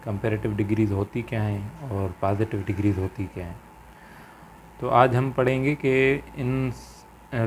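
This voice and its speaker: Man teaching grammar, talks slow, lots of fillers and restarts, bit of noise behind. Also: on the low side, a little mellow. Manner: halting, many fillers and repeated phrases; mixes English terms into Urdu-flavoured Hindi. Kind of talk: grammar lecture.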